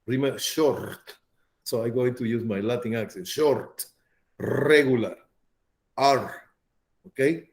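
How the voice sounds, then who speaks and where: Mellow-voiced man lecturing a class. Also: mid-range voice. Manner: repetitive, checks in with students often. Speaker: pharmacology lecturer.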